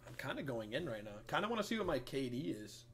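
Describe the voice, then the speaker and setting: A man's voice: mid-range voice, big pitch swings, fast, fairly bright tone, a little hiss or hum. A young man chatting casually as a game streamer in a crude, slangy frat-bro manner with lots of swearing. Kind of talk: casual livestream gameplay chat.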